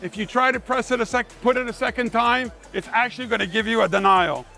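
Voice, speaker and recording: Over faint background music, a man demonstrates a product live at a trade show, speaking as a sales manager in punchy, emphatic short phrases. His very high-pitched voice is gravelly, bright and forceful, and he talks fast.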